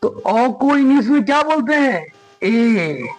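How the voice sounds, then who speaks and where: Heard on a low-quality recording, a male teacher explains grammar emphatically, repeating points and putting questions to his students. His voice is very high-pitched and a little slow, with big swings in pitch.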